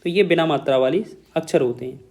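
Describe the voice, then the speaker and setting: A man's voice: a little high, quick pace, gravelly, a little mellow. A man teaching an exam-prep grammar lesson, explaining step by step, repeating key terms and often checking in with his students.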